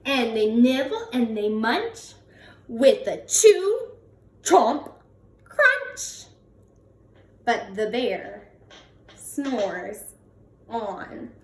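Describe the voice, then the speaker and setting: A woman reading a picture book aloud to young children in an expressive way, drawing out words and putting questions to the listeners. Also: fairly high pitch, very slow, pauses often. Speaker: children's read-aloud host. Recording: roomy echo, distant from the mic.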